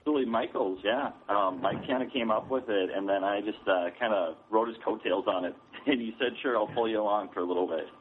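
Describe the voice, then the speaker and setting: A man chatting casually as a podcast guest in a relaxed, modest way. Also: fairly low pitch, brisk, few pauses. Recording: tinny phone line with faint noise.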